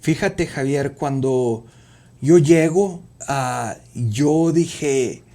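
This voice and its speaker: A man in his forties giving an earnest, halting personal faith testimony as a podcast guest, with frequent fillers. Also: mid-range voice, dark tone. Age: 40s. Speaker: podcast guest, youth minister.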